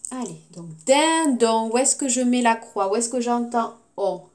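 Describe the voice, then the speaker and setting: A woman teacher with a French accent giving a recorded phonics lesson to young children, saying words slowly and clearly syllable by syllable and encouraging them gently, with some hesitations. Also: fairly high pitch, expressive. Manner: slow, clearly articulated, repeating words syllable by syllable.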